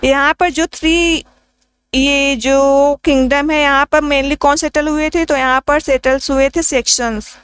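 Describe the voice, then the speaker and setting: High-pitched lady teacher going over exam notes, asks then answers herself, dead dry recording. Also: steady tone, unhurried, fairly bright tone, dry recording. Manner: asks questions and answers them herself, repeats key points; mixes English quotes into her explanation. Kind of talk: exam-prep lecture.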